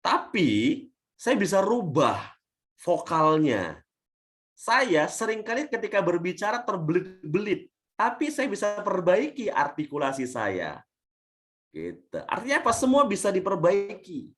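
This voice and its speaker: In a sing-song voice at a measured pace, an Indonesian leadership coach gives a webinar over a video call, swinging between loud and soft and often calling listeners friends. He notes that his natural voice is thin and shrill.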